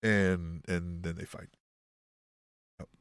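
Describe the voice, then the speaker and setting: A man's voice: low-pitched, flat delivery, slow, smooth, no room sound. A man hosting a podcast in casual, profane, rambling chat with a sardonic edge. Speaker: podcast host.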